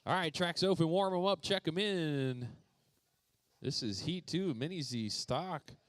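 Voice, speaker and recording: A man's voice: on the high side, measured pace, dry recording. A man doing playful live commentary at an indoor RC racetrack, calling out drivers by name. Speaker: RC race announcer.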